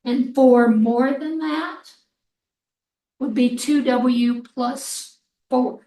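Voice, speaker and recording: A woman math instructor with a hoarse voice, explaining a problem slowly step by step in a recorded lecture. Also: sits high, steady tone, warm tone. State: hoarse, clearing throat. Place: classroom. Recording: echoey room, mic far off.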